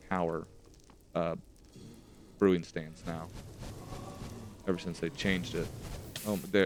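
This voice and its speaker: A man with a deep, darkish voice and a slight lisp from his retainers hosts a gaming let's-play series. He chats and rambles casually, talking to himself as he plays, over a little hiss or hum.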